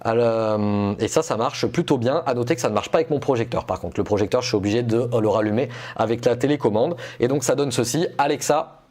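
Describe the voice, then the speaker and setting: A man's voice: medium pitch, fast, hardly any pauses, a little mellow. A man explaining and reviewing gadgets to his viewers in a casual, explanatory way. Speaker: tech reviewer presenting a video test.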